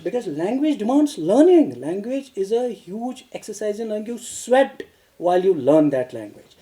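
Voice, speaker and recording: A man gives debaters his feedback as a judge. His voice is deeply dark and mellow, and he talks in an animated way, acting out examples and swinging from loud to quiet. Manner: animated, acts out examples, shifting loud and soft. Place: university debate event.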